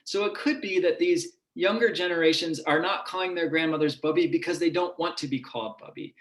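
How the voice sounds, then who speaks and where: Recorded in a room with noticeable echo, a man with a fairly high voice lectures as a university linguistics professor at a public talk. He explains things steadily and in a measured fashion, now and then restarting a phrase.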